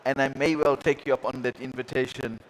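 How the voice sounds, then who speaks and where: A man's voice: medium pitch, fairly even intonation, a little fast, low-quality recording. Gracious stammering panel host, a man. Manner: stammering restarts, gracious, formal thanks. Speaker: moderator, host. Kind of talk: hosting a panel dialogue.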